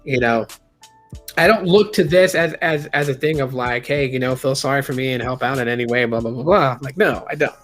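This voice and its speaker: A man's voice: medium pitch, a little fast, a bit bright, soft background music. A man in his late thirties hosting a live stream, talking candidly in a rambling, casual way with many restarts and reading chat aloud. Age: 30s.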